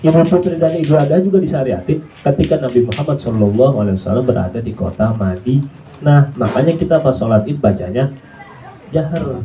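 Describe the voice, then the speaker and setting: Preacher, roomy and distant. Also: male voice, mid-range voice, brisk, dark tone. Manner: conversational, asks and answers his own questions. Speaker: religious teacher. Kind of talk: informal sermon. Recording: echoey room from far off, noisy.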